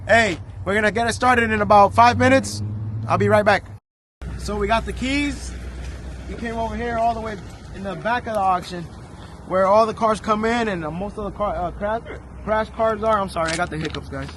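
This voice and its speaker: High-voiced man hosting a car vlog outdoors. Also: brisk, a bit bright, a little hiss or hum. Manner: enthusiastic, talks straight to viewers. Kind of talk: casual vlog walkaround. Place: outdoor car auction lot.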